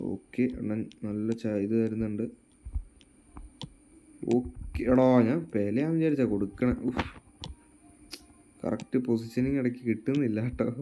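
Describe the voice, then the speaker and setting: A man's voice: fairly low pitch, warm tone, a little hiss or hum. A man with a Malayali accent giving casual football game commentary, mixing English words and phrases into his Malayalam. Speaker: gaming YouTuber.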